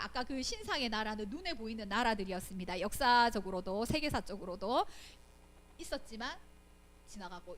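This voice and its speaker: A woman with a Gyeongsang Korean accent giving a children's Sunday school sermon. She tells the story in an animated way and keeps checking in with rhetorical questions. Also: on the high side. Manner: acts out quoted voices.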